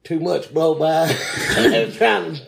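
A man's voice: fairly high pitch, takes it slowly, creaky, fairly bright tone, low-quality recording. A man with a Southern US accent, chatting and joking casually as a podcast co-host.

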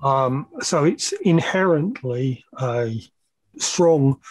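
Drawing out his words with lively intonation, a middle-aged man at medium pitch explains technical material as an interview guest on a podcast. He measures loudspeakers for a living, hesitates occasionally, and makes plain-spoken asides; there's no echo.

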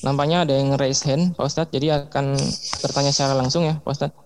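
A man's voice: mid-range voice, flat delivery, fast talker, long reverb tail, background noise. A man politely moderating an online religious Q&A and reading out questions. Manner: polite, formal.

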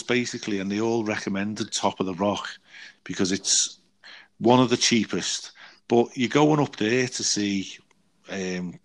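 A man chatting casually, telling an animated travel story and acting out the people in it. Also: fairly low pitch. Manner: animated storytelling with quoted voices, swears. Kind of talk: casual chat.

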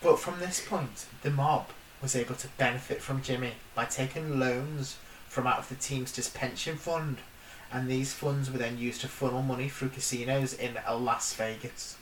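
A woman's voice: a bass voice, steady tone, normal speed, distant mic. A woman co-hosting a podcast, chatting casually with playful, jokey banter. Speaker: podcast co-host. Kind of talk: casual chat. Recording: echoey room with faint hiss.

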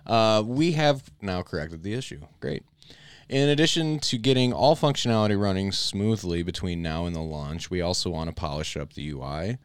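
A man's voice: sits low, expressive, normal speed, clean tone, no room sound. A man hosting a casual live-stream chat, reading update notes aloud and joking along the way. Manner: reads notes then jokes and laughs. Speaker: podcast host.

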